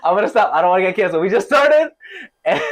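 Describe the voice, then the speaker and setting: A man from Connecticut hosting his podcast, chatting casually with lots of laughter and shout-outs. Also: sits high, sing-song, fast. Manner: playful, hyped, laughs a lot, shout-outs. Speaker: podcast host. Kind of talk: casual chat.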